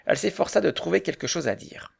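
A man calmly narrating a novel as an audiobook reader, reading evenly. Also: sits high, quick pace, vocal fry, breathy edge. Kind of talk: scripted narration.

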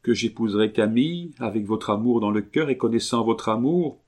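A man's voice: medium pitch, brisk, darkish tone, pitched above the performer's own voice, natural voice. A man reading an audiobook, voicing a passionate, determined young woman who presses her questions ardently. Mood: defiant.

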